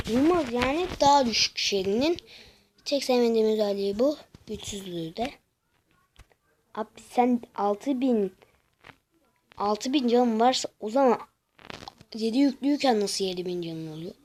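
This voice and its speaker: A young woman giving casual gameplay commentary, talking straight to her viewers with frustrated, excitable outbursts. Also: on the high side, unhurried, pauses often, a little hiss or hum, low-quality recording.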